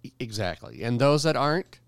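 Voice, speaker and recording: A man with a smooth, resonant voice, chatting in a relaxed, upbeat way. He explains things with plenty of restarts and the odd joke. The sound is dry and close. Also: medium pitch, a little fast, no room sound. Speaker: co-host giving local health updates. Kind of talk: casual chat.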